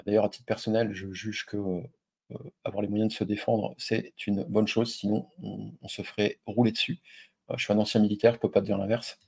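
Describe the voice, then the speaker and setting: Middle-aged male host, low husky voice, loose chatty delivery full of fillers. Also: level tone, brisk, a little mellow. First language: French. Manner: informal, lots of fillers, addresses the viewer directly. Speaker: investing video host. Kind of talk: casual explainer with a familiar tone.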